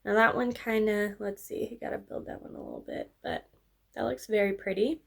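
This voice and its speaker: A young beauty vlogger with a mid-range voice walks through a makeup tutorial fairly quickly, casual and upbeat, often trailing off into filler words. She sounds slightly hoarse and congested, like a cold is coming on.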